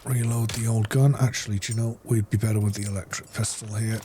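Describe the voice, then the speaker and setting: Over a slight hiss or hum, a man with a lowish, steady, mellow voice speaks fast. He's a game streamer hosting a playthrough, casually explaining every step to viewers in an informal, instructional way.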